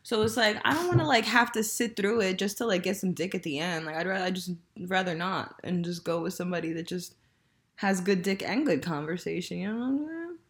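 A woman in her thirties hosts a casual podcast, chatting candidly, laughing often and using lots of fillers. Her voice is on the low side, with lively intonation and a fairly quick pace.

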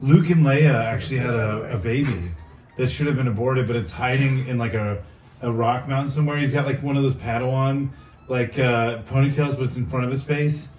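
A man's voice: mid-range voice, a little fast, darkish tone. A man on a casual comedy podcast riffing on absurd jokes with crude humor. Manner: rambling joking riffs with crude humor. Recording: roomy and distant.

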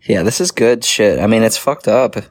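A man's voice: on the low side, normal speed. A young man co-hosting a casual chat, joking, laughing often and swearing freely. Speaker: podcast co-host.

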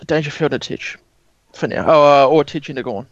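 A man's voice: a little high, brisk, dull audio. An Australian man giving opinions in casual sports podcast chat. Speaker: podcast panellist.

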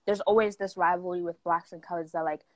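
A woman's voice: fairly low pitch, steady tone, quick pace, dry recording. A young woman from South Africa, telling a story in a casual chat with lots of fillers, acting out the people she quotes.

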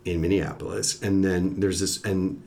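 A man's voice: low-pitched, moderate pace, slight background noise. A man, a podcast guest, telling a story in casual talk and acting out the people he quotes. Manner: animated, acts out quoted voices. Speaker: podcast guest, former TV executive.

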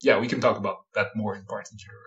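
A man's voice: lowish voice, fairly even intonation, fast talker, fairly bright tone, lo-fi sound. Man, thoughtful and hesitant. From France, Paris area. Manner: thoughtful, hesitant, many fillers, laughs lightly. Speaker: immunology researcher, guest. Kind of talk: casual interview talk.

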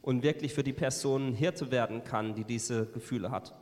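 A man's voice: medium pitch, normal speed, darkish tone. Hesitant male interpreter in an echoing hall. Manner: hesitant, frequent fillers and self-corrections. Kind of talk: live sermon interpreting. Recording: long hall reverb.

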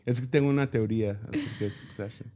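Guy on a podcast, dry and self-mocking, mid-pitched. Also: quick pace, mellow, a little hiss or hum. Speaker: podcast co-host. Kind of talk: casual chat.

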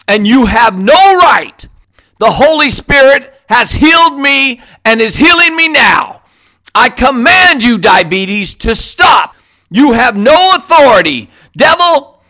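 A man declaring a healing prayer in a commanding, forceful way, with repeated shouted declarations. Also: very high voice.

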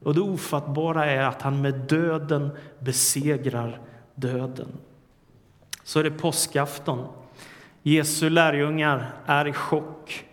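A man delivers a sermon in an earnest, measured way and rises to emphatic cries on the words he quotes. His voice sits a little higher than most men's. The sound carries a long, lingering church-hall reverb. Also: fairly even intonation, fairly bright tone. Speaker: preacher.

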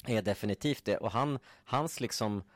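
Chatty low-voiced man, dry sound. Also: dry recording. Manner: chatty, animated storyteller. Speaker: podcast co-host. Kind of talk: casual chat.

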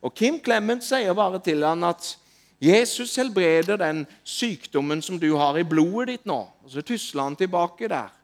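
Animated man preaching a sermon. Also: sits high. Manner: animated, rising to loud calls when retelling. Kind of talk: sermon with storytelling.

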